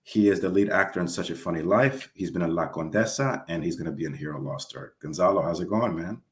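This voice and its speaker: A man hosts a casual video interview in a low, deep voice, upbeat and fond of doubling his words for emphasis. The sound is roomy, with noticeable echo around him. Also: fast talker. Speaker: host and filmmaker.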